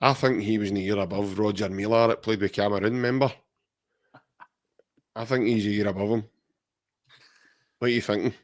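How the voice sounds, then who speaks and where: A man's voice: on the low side, steady tone, a little fast, long pauses. A Scottish man in his forties co-hosting a podcast, chatting casually, joking and reading out viewer comments. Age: 40s. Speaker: podcast co-host. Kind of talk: casual chat.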